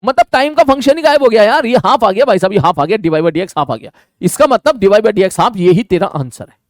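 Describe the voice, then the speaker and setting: A man's voice: high-pitched, expressive, quick pace, no echo, clean studio sound. A man teaching maths in an online lecture, talking casually and answering his own questions. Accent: Hindi.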